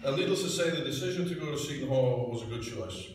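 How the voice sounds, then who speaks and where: A man's voice: mid-range voice, lively intonation, fast, slight background noise. A middle-aged man from New Jersey giving a sincere, folksy acceptance speech full of stories. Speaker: hall of fame inductee. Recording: echoey banquet hall, distant mic.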